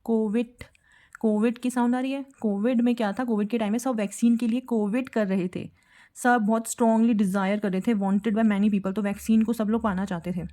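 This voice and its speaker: A woman's voice: on the high side, fairly even intonation, fairly quick, dark tone. Woman teaching vocabulary with memory tricks. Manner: explains word tricks with little stories, acts out quotes. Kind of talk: exam-prep vocabulary lesson.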